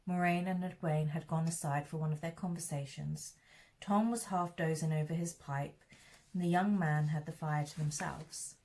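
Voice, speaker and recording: A woman reading a fantasy novel aloud in a steady, measured fan read-along narration. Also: sits low. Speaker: audiobook reader.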